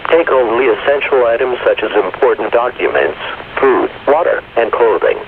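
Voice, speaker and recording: A man reading an automated emergency alert in a flat, formal manner, heard as a hissy AM radio broadcast. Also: mid-range voice, moderate pace, phone-quality sound. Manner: flat, even, formal announcement.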